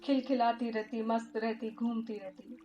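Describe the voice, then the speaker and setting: A woman teacher guiding an inner-child healing meditation in a soft, emotive way that often drops to a hush. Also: a little high, level tone, normal speed, soft background music. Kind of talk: guided meditation.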